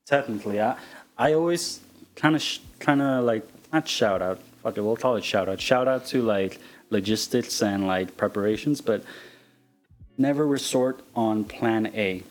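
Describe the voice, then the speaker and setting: A man with a slightly low voice hosts a casual podcast. He talks informally in halting phrases, with faint music behind him. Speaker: podcast host.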